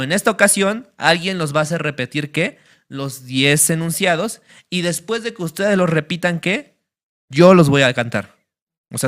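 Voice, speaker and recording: A man teaches a class, his voice bright and fairly high for a man. He explains things step by step, pausing on fillers and checking that everyone is following. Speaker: religious teacher.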